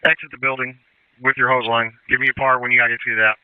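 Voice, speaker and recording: A man's voice: mid-range voice, little pitch movement, quick pace, smooth, dry recording. An American man working as a fire incident commander, giving terse procedural orders over a two-way radio. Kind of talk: fireground radio dispatch traffic. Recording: tinny narrowband two-way radio.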